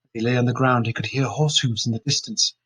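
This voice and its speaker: A man narrating a story in a steady, plain way. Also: mid-range voice, fast talker, breathy edge, rough recording. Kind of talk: storybook reading.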